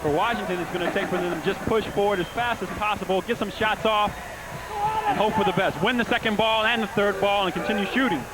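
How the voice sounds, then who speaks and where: A man's voice: high voice, fast talker, poor audio. A man giving live sports analysis as a color commentator.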